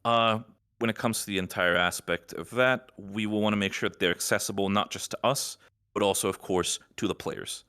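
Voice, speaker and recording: A man with a somewhat low voice talks through a podcast update for his project's community. He rambles a little, circling back and restarting phrases, but keeps a reassuring tone as he lays out how things will work. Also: fairly even intonation, brisk, pushed and bright, clear, resonant tone. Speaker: admin team member.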